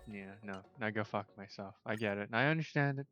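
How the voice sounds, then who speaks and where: A man streaming a video game live, chatting casually, swearing and talking straight to the game with sudden loud outbursts. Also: fairly low pitch, fairly quick, faint music behind. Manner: talks to the game, swears, bursts into loud exclamations. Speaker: livestreamer. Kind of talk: casual gaming livestream commentary.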